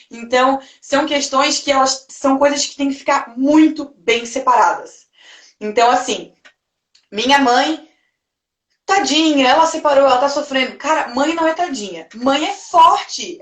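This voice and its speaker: A woman family therapist talks through family problems at length. Her voice sits high, and the room around her is roomy and echoey. She slips into little quoted voices of parents and children as she explains. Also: a bit bright. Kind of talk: casual live-stream talk.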